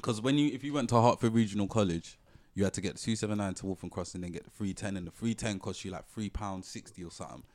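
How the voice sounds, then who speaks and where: A low-voiced man speaks with a London roadman accent. He tells stories casually and with plenty of street slang, as if among friends. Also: fast, darkish tone. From North London.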